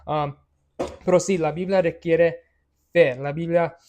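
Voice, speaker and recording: A man teaching a Bible study lesson, speaking haltingly with frequent restarts and checking questions. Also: on the high side, fairly even intonation, a little mellow.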